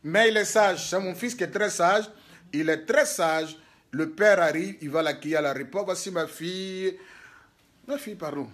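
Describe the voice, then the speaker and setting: A man talks into a handheld phone in a hotel room. His voice sits notably high for a man. He tells his stories in a lively, exclaiming way, breaking into laughter. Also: moderate pace. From Côte d'Ivoire. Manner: animated storytelling, laughing and exclaiming. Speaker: prophet and spiritual guide. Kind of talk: casual video diary.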